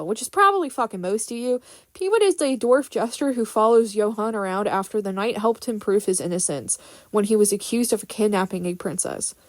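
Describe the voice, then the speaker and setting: A woman with a fairly high voice and a dry, close sound rants in an opinionated, slightly unhinged way. She speaks casually from prepared material, swearing freely and dropping sarcastic asides. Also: no room sound. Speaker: fan fiction creator. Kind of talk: casual scripted rant explaining characters.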